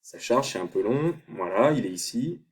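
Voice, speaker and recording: A man explaining a software tutorial step by step, thinking aloud as he clicks through screens. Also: mid-range voice, animated, normal speed. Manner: thinks aloud while clicking, many fillers. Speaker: online tutor.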